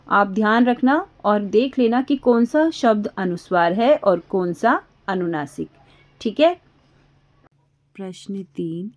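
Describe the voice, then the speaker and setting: A woman teacher walking young pupils through a worksheet lesson, patiently repeating words slowly and asking them to listen closely. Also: mid-range voice, darkish tone.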